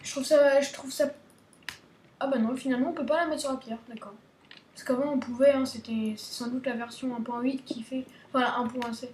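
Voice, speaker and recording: A woman's voice: high-pitched, steady tone, a little fast, darkish tone. A woman hosting a casual game tutorial, chatty and playful, stumbling over restarts as she talks to her viewers. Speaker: gaming video host. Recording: roomy echo, faint background hiss.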